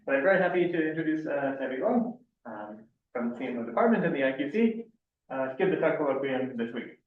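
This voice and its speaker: A man's voice: medium pitch, expressive, fast. A man who is a little sick, speaking through a face mask as he informally introduces a speaker as host. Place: echoey lecture room. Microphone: distant room microphone. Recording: distant, echoey, phone-like, faint noise.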